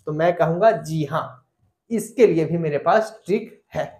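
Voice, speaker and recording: A man's voice: a little high, measured pace, darkish tone. A man teaching an online grammar lesson. He explains step by step, repeats the key points and asks his students questions. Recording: echoey room.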